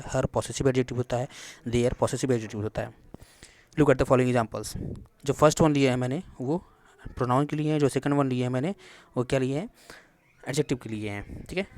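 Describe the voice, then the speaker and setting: A man teaching English grammar in Hindi, asking and answering his own questions and reading English examples slowly with an Indian accent. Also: mid-range voice, a little mellow. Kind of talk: classroom explanation.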